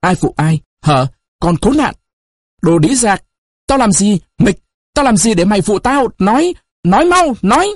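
Storybook read-aloud: narrator voicing a furious young lover spitting accusations, clipped and harsh. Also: male voice, high voice, big pitch swings, unhurried, no echo, studio quality, voice pushed up, heavily acted. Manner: harsh, clipped, through gritted teeth.

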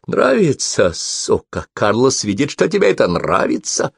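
A man reading an audiobook and voicing a violent, enraged man who shouts curses in a raised voice. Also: medium pitch, wildly swooping pitch, a little slow, vocal fry, husky, no echo, pitched above the performer's own voice, heavily acted. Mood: furious. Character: brutal enraged man, Carlos.

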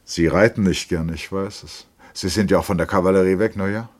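A man's voice: deep voice, steady tone, brisk, natural voice. Man voicing a rich, offhand landowner. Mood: dismissive. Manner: offhand, dismissive. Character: rich aristocratic landowner, worldly and impatient.

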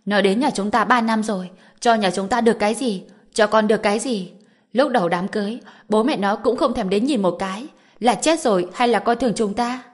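A woman voicing a scheming middle-aged mother-in-law who scolds and wails loudly in an audiobook. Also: medium pitch, a little fast, close to an everyday voice. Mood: nagging. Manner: loud, wailing, scolding. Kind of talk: audiobook character voice.

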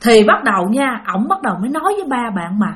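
A woman's voice: fairly high pitch, very animated, fast, fairly bright tone. A woman telling a ghost story, chatting directly to her listeners. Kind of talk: spoken ghost story narration.

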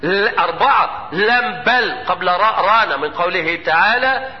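A high-pitched, expressive man with an Egyptian accent teaches Quran recitation, rapidly quizzing students and slowing into melodic chant for each example verse. The lo-fi recording sounds dull, with a long lecture-hall echo.

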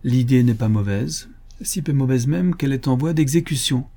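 A self-assured police commissioner in an audiobook, measured and knowing in his replies, as a man reads him. The voice is husky with a dark, mellow tone. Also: medium pitch, lightly acted. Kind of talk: audiobook character voice.

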